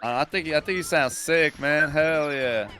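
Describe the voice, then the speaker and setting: A man's voice: a little high, moderate pace, sharp tone. A young man giving casual live speedrun commentary in a laid-back, slangy, rambling way.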